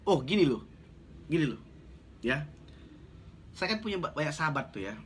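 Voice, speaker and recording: A man's voice: on the high side, very animated, moderate pace, a little hiss or hum. A man talking blunt and casual on a live stream, reading out viewer comments and joking as a network marketing coach. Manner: blunt, joking, chatty, laughs often.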